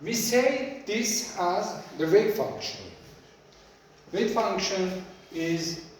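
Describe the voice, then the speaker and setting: Homem professor falando devagar, sala com eco. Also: male voice, sits high, far from the mic, a little hiss or hum. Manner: slow, questioning, repeats key words. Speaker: physics teacher. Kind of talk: classroom lecture. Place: echoey classroom. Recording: very echoey room.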